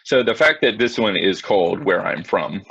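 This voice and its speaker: Male teacher, low and gravelly, casual and self-mocking in an online lesson; dry, muffled video-call audio. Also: animated, normal speed, a bit bright, no echo. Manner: casual, self-mocking, talks to students directly. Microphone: computer mic on video call.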